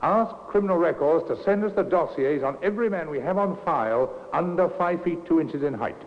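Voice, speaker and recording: A man's voice: on the high side, lively intonation, brisk. An actor playing an authoritative, methodical male police inspector in a 1950s radio drama, decisive as he instructs a subordinate. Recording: muffled 1950s radio recording.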